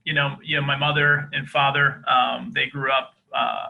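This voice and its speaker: A man from East Boston with a softened Boston accent, telling his life story earnestly in a podcast interview. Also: medium pitch, flat delivery, moderate pace, vocal fry, phone-quality sound. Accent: Boston, softened by years in Georgia. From East Boston, Massachusetts. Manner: earnest, open, many fillers. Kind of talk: candid conversational interview.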